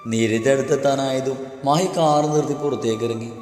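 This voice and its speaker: A man narrating a dramatic story in a steady, measured reading. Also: medium pitch. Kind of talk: scripted narration. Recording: roomy long reverb, faint music.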